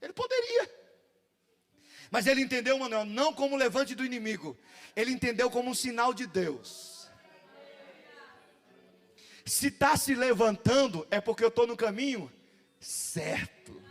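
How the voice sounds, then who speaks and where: A Brazilian Portuguese pastor with a very high-pitched voice, preaching at a church service. He swings between shouting and chanting his phrases with fervent energy. Faint music plays softly behind him. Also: very animated, a little slow, long pauses. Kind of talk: pentecostal sermon.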